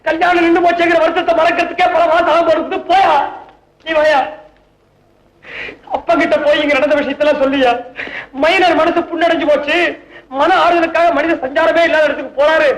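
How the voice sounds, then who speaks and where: An actor playing a weepy, whining young rich heir in an old film comedy, talking in a sing-song whine. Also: male voice, very high voice, flat delivery, a little fast. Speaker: comic lead, a weepy rich young heir called minor. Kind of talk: 1960s film comedy acting. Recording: echoey old film soundtrack.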